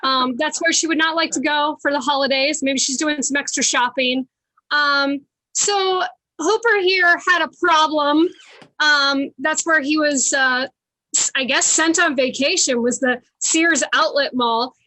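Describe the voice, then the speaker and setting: A woman's voice: high-pitched, measured pace, sharp tone, no room sound, low-quality recording. A woman casually hosting a live improv comedy show and introducing games.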